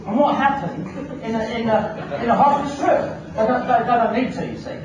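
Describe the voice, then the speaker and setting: A man giving an animated motivational seminar talk, firing rhetorical questions at a live audience. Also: extremely high pitch, fairly quick, highs cut off. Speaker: motivational speaker. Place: large hall with a live audience. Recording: echoey hall from far off, audience noise.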